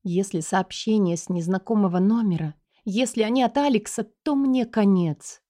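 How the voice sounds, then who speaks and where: A woman's voice: mid-range voice, moderate pace, warm tone. A woman reading a first-person story aloud as an audiobook narrator, in a tense and dramatic way.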